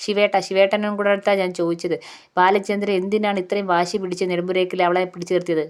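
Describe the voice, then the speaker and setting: A woman's voice: mid-range voice, flat delivery, fast talker, close to an everyday voice. A woman voicing an angry, suspicious middle-aged woman who fires accusing questions at her family. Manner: indignant, demanding questions.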